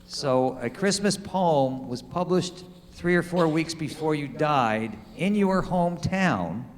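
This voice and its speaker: A man acting as an attorney, questioning a witness in a mock trial with measured, leading questions. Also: fairly high pitch, lively intonation. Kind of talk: courtroom examination in a mock trial. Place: courtroom. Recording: long hall reverb.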